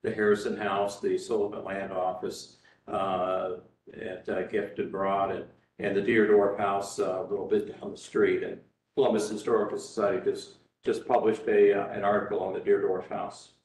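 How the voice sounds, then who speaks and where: A lower-voiced man testifies haltingly before a board, pausing on fillers between phrases. The sound is a courtroom-style recording of a hearing room, echoey and picked up from a distant microphone. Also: flat delivery, darkish tone. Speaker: historical society president testifying.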